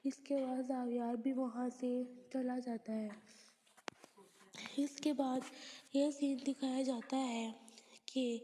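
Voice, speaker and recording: A woman's voice: on the high side, a little hiss or hum. A woman retelling the plot of a TV drama episode scene by scene, reading the characters' lines in a plain recounting way. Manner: plain recounting with quoted lines read flatly. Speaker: drama episode recap narrator. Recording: long hall reverb.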